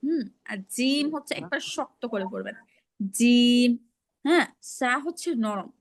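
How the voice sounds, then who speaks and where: A woman's voice: sits high, lively intonation, moderate pace. Patient woman teaching on a video call. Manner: patient, explains and models sounds. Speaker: online Quran pronunciation teacher. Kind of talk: online class instruction.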